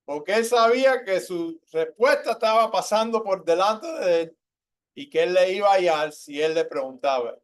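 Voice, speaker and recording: A man delivers a sermon to a church congregation in a high voice, often checking in with questions. He rises in pitch and volume when he drives a point home. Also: lively intonation, normal speed. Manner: asks the congregation questions, tags lines with ¿verdad?. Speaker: preacher.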